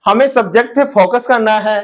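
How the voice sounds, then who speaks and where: A man with an Indian accent teaching English grammar in a classroom style. He drags out each English sentence slowly, speeds through his Hindi explanations, and calls his viewers son and daughter. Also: high-pitched.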